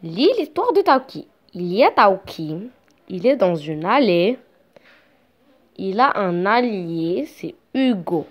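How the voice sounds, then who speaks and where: Woman teacher, beginner reading lesson, very slow and deliberate, syllable by syllable. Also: medium pitch, big pitch swings. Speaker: French teacher.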